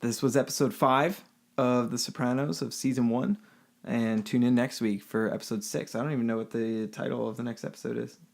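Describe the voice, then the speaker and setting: A man's voice: medium pitch, fairly even intonation, fairly quick, gravelly, a little mellow. A man co-hosting a podcast in casual chat, laughing often and hesitant, with frequent fillers and restarts. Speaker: podcast co-host.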